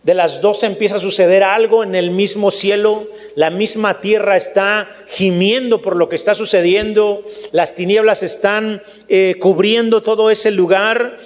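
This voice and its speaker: A man with a Mexican Spanish accent delivers a sermon in a high voice, talking straight to his congregation. He restarts phrases as he goes and calls the listeners family. His voice trails off into a long reverb, as if he were in a large church. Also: fairly even intonation, a little slow, hardly any pauses. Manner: preaching with many restarts, addresses the congregation as family. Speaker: pastor.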